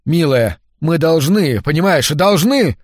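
An anxious middle-aged professor husband in an audiobook, earnest and pleading, voiced by the male reader. His voice rises above the narration and gets louder, recorded close and dry. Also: on the high side, lively intonation, unhurried, no room sound.

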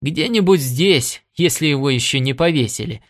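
A man voicing a jolly, boisterous Irish spacefarer with a frog-like grin, exclaiming excitedly in an audiobook. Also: medium pitch, normal speed, no room sound, studio quality, natural voice. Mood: amused.

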